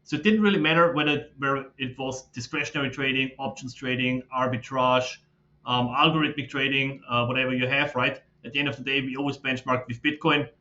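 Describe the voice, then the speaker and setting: Bright-toned man explaining steadily. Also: medium pitch, brisk. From Austria. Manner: steady, explanatory, with frequent fillers. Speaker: guest, fund manager. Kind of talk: casual interview talk. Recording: slightly dull lo-fi audio.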